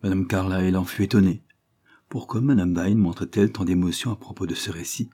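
A man narrating a classic novel as an audiobook in a measured, dramatic storytelling manner. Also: low-pitched, steady tone, warm tone, slightly rough. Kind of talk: scripted narration.

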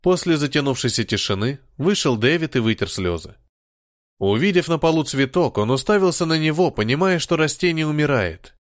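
A man narrating an audiobook in a varied, expressive storytelling manner. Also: fairly high pitch, a little fast, no echo, clean studio sound. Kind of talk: scripted narration.

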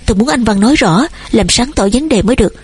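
A woman voicing a headstrong young daughter who shouts back, shrill and tearful, with a husky voice. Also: lively intonation, quick pace, no echo. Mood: defiant.

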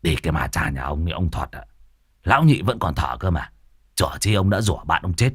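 A man voicing a stern middle-aged male exorcist who speaks low and clipped. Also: big pitch swings, brisk, fairly bright tone, slightly rough, no echo, clean studio sound, heavily acted. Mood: grave.

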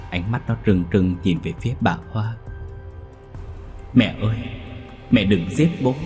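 A man telling a ghost story in scripted, dramatic narration. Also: sits low.

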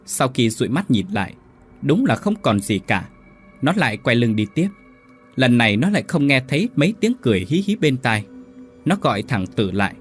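A man narrating a ghost story in a suspenseful, expressive scripted style. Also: mid-range voice, normal speed, breathy edge, soft background music.

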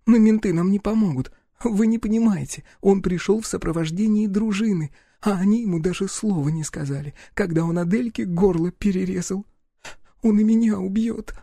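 A frightened young woman, shaking and tearful, begs for help in a thin, raised voice, as a male reader takes her part. The tone stays mellow and close-miked in a dry space. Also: normal speed, vocal fry, no room sound. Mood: terrified pleading. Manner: high, tremulous, pleading.

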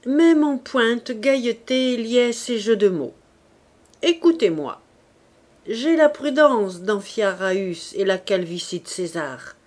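A woman's voice: a little high, expressive, takes it slowly, darkish tone. A woman reading an audiobook, voicing a pompous young man who lectures his friends in grand, sententious phrases.

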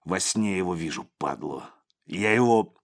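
A man's voice: sits low, animated, normal speed. A man doing a grumbling ex-con thug. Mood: vengeful. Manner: grumbling, muttering threats. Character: sullen male ex-convict gang enforcer.

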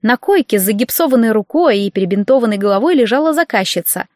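Female audiobook narrator with a higher voice, wry and lively, dry close recording. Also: fast, dry recording. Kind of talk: first-person audiobook narration.

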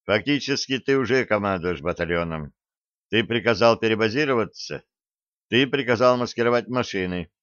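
A man voicing a stern, grief-stricken male battalion commissar with clipped, hoarse military speech in an audiobook character reading. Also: on the low side, normal speed, a bit bright, no room sound, highs cut off, close to an everyday voice.

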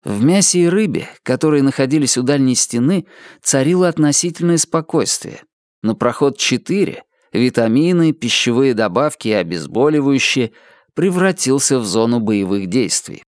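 Male audiobook narrator, lively swooping intonation, expressive storytelling, dry close recording. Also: mid-range voice, moderate pace, no room sound.

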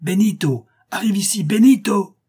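Bold young adventurer hero, loud and commanding, voiced by a male audiobook reader, husky dark tone. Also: fairly high pitch, fairly even intonation, moderate pace, voice pushed up, close to an everyday voice. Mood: furious shouting. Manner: shouting, commanding.

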